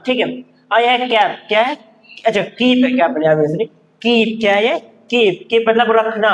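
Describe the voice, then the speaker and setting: A man with a high voice teaches vocabulary, repeating every word several times and checking the class with quick questions. The sound carries a long reverb, as if he is recorded in a large hall. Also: highs cut off. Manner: repetitive, drills words and asks the class questions. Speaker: English teacher. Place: standing at a board in a classroom.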